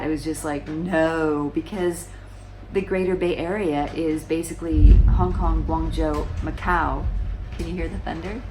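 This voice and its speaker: Sitting on a sofa in a small indoor room, a vlogger in her forties talks through current events in a relaxed, chatty way. She has a deep voice, frequently restarts her sentences and asks rhetorical questions, and there's background noise in the recording.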